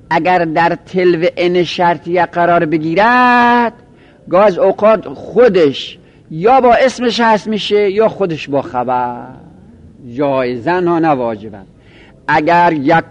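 A man lecturing a grammar class, patiently explaining and slowly drawing out example phrases as he repeats them. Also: high voice. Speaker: Arabic grammar teacher. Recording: dull lo-fi recording.

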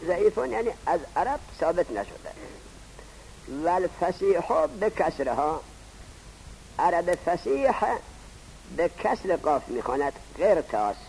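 A man teaching a grammar lesson, posing rhetorical questions and answering them himself in a slow, drawn-out teaching cadence. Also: sits high, sing-song, vocal fry, darkish tone, slight background noise, poor audio. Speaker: seminary teacher. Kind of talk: classroom lecture on Arabic grammar.

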